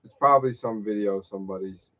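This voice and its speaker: A man's voice: on the low side, fast talker, sharp tone, muffled recording. A man joining a casual chat on a stream, teasing his friend and laughing.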